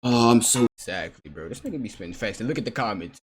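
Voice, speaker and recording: A man's voice: medium pitch, animated, fast talker, breathy edge, faint music behind. A man giving blunt, profane reaction commentary and saying "bro" constantly. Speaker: reaction streamer.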